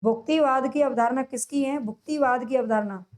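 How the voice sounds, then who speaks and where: A woman teaching a lesson for competitive exams. She asks each question, answers it herself, and repeats the key answers slowly with stress. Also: sits high, a little mellow. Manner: drawn-out, stressed delivery on answers. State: sore throat. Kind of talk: exam-prep lesson, solving multiple-choice questions.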